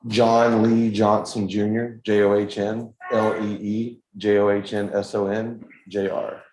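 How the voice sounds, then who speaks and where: A man in his forties answers a clerk's questions as a defendant, keeping it short and polite. His voice is low and flat, and it sounds roomy, as if he is set back from the mic. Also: measured pace, noisy background. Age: 40s.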